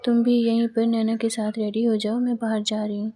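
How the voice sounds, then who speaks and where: Firm, protective woman in an audio story, read by a woman, mellow and flat. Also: on the high side, brisk, no room sound, lightly acted.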